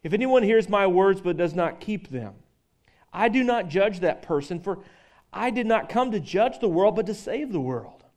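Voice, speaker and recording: A man's voice: high-pitched, lively intonation, moderate pace, darkish tone. Man preaching a conversational sermon. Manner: conversational, joking with the congregation, frequent restarts; reads scripture aloud. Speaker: pastor.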